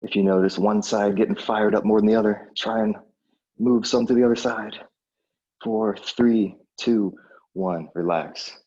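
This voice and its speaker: A man's voice: on the low side, fairly even intonation, measured pace, darkish tone, breathy edge, dull audio. A man coaching a workout like an aerobics instructor, casually giving short encouraging cues and countdowns while exerting himself. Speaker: fitness instructor.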